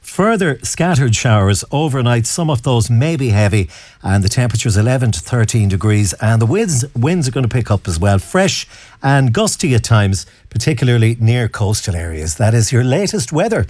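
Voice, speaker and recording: A man's voice: medium pitch, animated, moderate pace, a little mellow, no echo. An Irish man reading a weather forecast on the radio.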